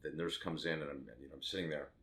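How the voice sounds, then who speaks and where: A man's voice: a bass voice, fairly even intonation, fast talker, fairly bright tone. A man in his fifties from Las Vegas, a tattoo artist telling his own story to the camera in a candid, rambling way with self-mocking asides. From Las Vegas, Nevada, USA.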